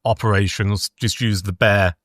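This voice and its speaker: A man's voice: on the low side, steady tone, moderate pace, fairly bright tone, dry recording, clean studio sound. A man co-hosting a podcast, chatting easily about food, sometimes while eating. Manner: easygoing, chats while eating. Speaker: podcast co-host. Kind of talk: casual food review chat.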